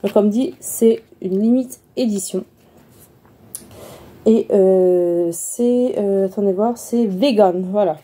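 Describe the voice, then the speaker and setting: Chatty woman with a very warm voice. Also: mid-range voice, slow pace. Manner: chatty, repeats words, many fillers. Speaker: beauty vlogger. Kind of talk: casual haul video. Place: room at home.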